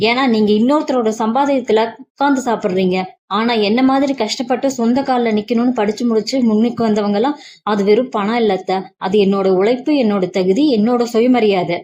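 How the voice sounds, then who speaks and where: A woman's voice: on the high side, dark tone, highs cut off, close to an everyday voice. A woman doing an indignant young lecturer. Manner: indignant, emphatic.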